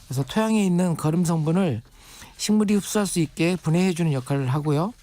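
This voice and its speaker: A man's voice: on the high side, quick pace, mellow. A man on a radio show, a guest expert on urban farming, explaining patiently with everyday comparisons. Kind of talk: radio interview.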